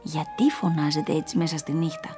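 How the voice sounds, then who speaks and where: A woman's voice: low-pitched, over music, close to an everyday voice. A woman voicing a stern, grumpy male keeper of dreams who scolds, in a storybook reading.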